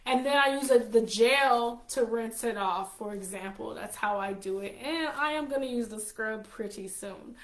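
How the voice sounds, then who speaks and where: This forties-aged host speaks at a normal pace with few pauses, her pitch fairly high. Congested and slightly coughing, she chats loosely on her live show, often circling back to repeat or restart what she says, all within an echoey room.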